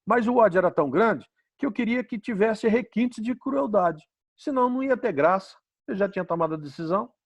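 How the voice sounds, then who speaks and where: A man's voice: high-pitched, animated, a little fast, lo-fi sound. Brazilian man giving a dramatic testimony. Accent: Brazilian Portuguese. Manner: dramatic swings between loud urgency and hushed tones; asks the audience questions. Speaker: testimony speaker.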